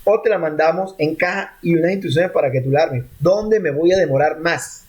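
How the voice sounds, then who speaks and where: A man's voice: fairly high pitch, fairly quick, darkish tone. A man with a Colombian coastal accent, teaching a programming class over a video call in a chatty, joking way. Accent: Colombian coastal Spanish. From Colombian Caribbean coast. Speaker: programming instructor. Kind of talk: online class talk.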